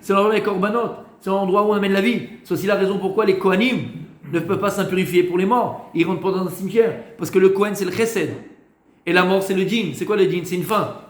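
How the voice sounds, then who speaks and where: This high-pitched man speaks quickly with fairly even intonation, his voice reverberating around him. He is a rabbi teaching students Torah, asking questions he then answers himself, stumbling over fillers and repeating words.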